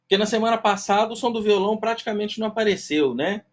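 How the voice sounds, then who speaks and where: A man's voice: high voice, fast. A man with a nasal, duck-like voice hosting a live-stream class in a casual, chatty way, greeting viewers by name. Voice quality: nasal, self-described duck-like voice. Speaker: live-stream host teaching self-knowledge.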